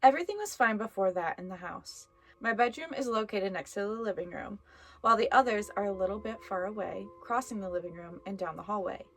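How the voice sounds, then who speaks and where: A woman's voice: mid-range voice, fairly quick, fairly bright tone, faint music behind. A woman hosting a casual, chatty video where she reads stories and talks playfully to viewers and the things around her. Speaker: host of a haunted doll story video. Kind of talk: casual chatty vlog with story reading.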